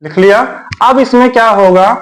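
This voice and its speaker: A male teacher giving an exam-prep grammar lesson, drilling syllables aloud over and over and often clearing his throat. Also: high voice, moderate pace.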